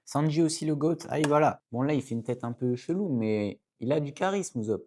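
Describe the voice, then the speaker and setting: An excitable man giving casual pack-opening commentary to his viewers. He is chatty and talks to the audience as "guys", often jumping into high, excited exclamations and jokey asides. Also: brisk, a little hiss or hum. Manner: excitable, chatty, keeps addressing viewers as "les gars". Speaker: card-opening YouTuber.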